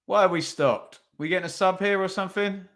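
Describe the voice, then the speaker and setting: A man's voice: high-pitched, a little fast, fairly bright tone. A man hosting a podcast, giving casual live watch-along commentary on a football match, chatty and thinking aloud with tag questions. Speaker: podcast host.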